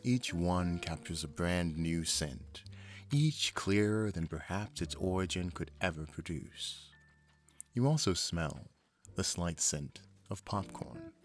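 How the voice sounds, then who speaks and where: A man narrates an ASMR sleep story in a soothing, unhurried way, guiding the listener along. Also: sits low.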